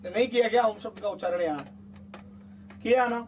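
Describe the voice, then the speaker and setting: A man's voice: high-pitched, moderate pace, a little mellow, recorded from a distance, slight background noise. A man teaching a grammar lesson for exam students, chatty and coaxing, often stopping to check that the class follows.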